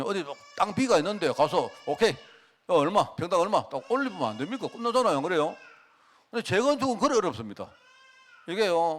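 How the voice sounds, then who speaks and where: Animated male pastor preaching. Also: on the high side. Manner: folksy, animated preaching with rhetorical questions. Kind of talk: sermon. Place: church sanctuary.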